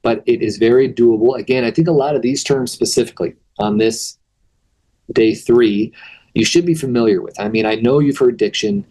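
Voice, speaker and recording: A male teacher talks through a recorded video lesson in an easygoing, explanatory way, tossing in rhetorical questions. His voice sits at a middle pitch with a dark, mellow tone. He is starting to lose his voice, so it sounds a little worn. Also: moderate pace, low-quality recording. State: losing his voice.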